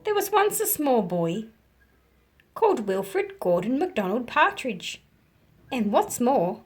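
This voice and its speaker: Hosting a children's read-aloud, this Australian woman has a slightly high, very animated voice. Her storytelling comes with simple, measured explanations and questions aimed at her listeners.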